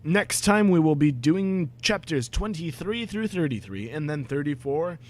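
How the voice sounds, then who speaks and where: Animated young man doing sarcastic readings. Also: fairly high pitch, a little slow. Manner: sarcastic, exasperated asides, profane. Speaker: streamer reading fan fiction. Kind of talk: comedic dramatic reading.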